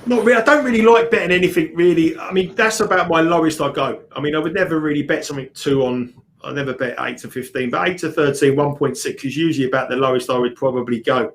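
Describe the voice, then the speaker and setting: A male guest tipster on a live sports betting stream. He speaks quickly with a rather high voice and keeps restarting his sentences. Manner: rapid, restarts often, repeats himself.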